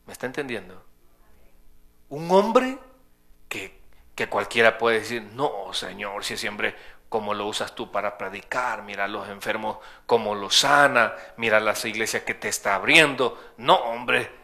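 A man's voice: lowish voice, measured pace, pushed and bright. A man preaching a sermon as pastor in a church. He speaks emphatically, repeating his points and firing off rhetorical questions. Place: church sanctuary.

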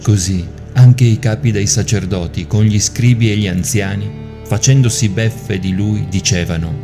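Priest reading scripture, lowish voice, solemn and measured, music playing under. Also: male voice.

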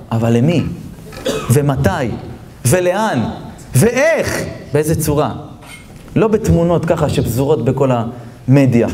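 A man giving a lively Torah lesson as a rabbi, telling stories, chuckling as he talks and slowing down to stress the texts he quotes. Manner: animated, jumps into character voices and high exclamations; chuckles while talking. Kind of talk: lively sermon with storytelling.

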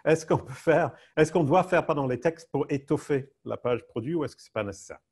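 A man's voice: a little high, fairly quick, darkish tone, breathy edge. A man hosting a web seminar, moderating questions with a playful, joking manner over a video call. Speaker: webinar host. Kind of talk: moderating a panel Q&A.

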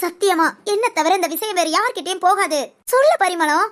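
A woman voicing a caring older woman friend in an audio story, who keeps pressing gently and insistently. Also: very high voice, expressive, brisk, a little hiss or hum. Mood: coaxing. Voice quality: coaxing, insistent. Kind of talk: audio story role-play.

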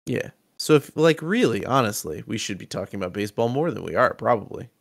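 A man's voice: fairly low pitch, lively intonation, quick pace, gravelly, no room sound, clean studio sound. Wry co-host man with a sick voice. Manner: joking, wry banter. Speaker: podcast co-host. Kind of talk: casual podcast chat.

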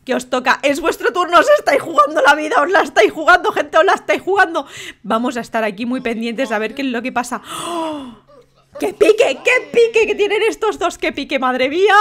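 A young woman with a Spain Spanish accent giving excitable let's-play commentary, full of exclamations. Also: sits high. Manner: excitable, frequent exclamations and laughter. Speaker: gaming YouTuber.

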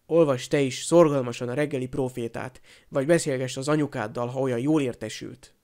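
A man's voice: mid-range voice, darkish tone, lightly acted. A man voicing an angry teenage boy wizard who snaps back with raised, sarcastic retorts.

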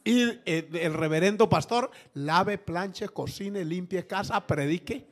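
A man's voice: high voice, slow pace. A pastor preaching a sermon to his congregation, telling stories, acting out the people in them and joking. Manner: lively, acts out quoted voices, jokes with congregation. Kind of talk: sermon with storytelling. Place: church.

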